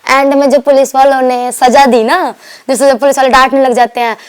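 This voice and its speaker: A young woman from Delhi, telling her story to an interviewer in a rambling, animated way, acting out what others said and restarting her sentences. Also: sits high, brisk, clear, resonant tone. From Delhi, India. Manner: rambling, animated retelling with quoted dialogue and restarts. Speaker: guest.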